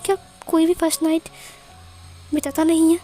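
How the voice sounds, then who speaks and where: A woman's voice: extremely high pitch, level tone, normal speed, mellow, faint music behind, voice pushed up. A woman voicing a frightened young man who stammers and pleads in a storybook reading. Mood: pleading.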